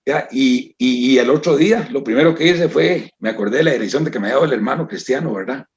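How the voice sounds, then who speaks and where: Speaking fast in a medium pitch, a Costa Rican man shares an emotional testimony before his church, often addressing his brothers and sisters with "hermanos" and tagging on "¿verdad?". The sound is lo-fi.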